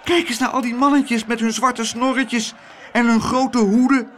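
A man voicing a flustered, fussy older woman who talks in a shrill, hurried way. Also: level tone, a bit bright, a little hiss or hum. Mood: agitated.

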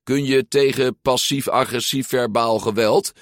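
A man's voice: medium pitch, big pitch swings, unhurried, a bit bright, no room sound, studio quality, pitched above the performer's own voice. A man voicing a bossy, impatient young girl who scolds and drops in Italian words.

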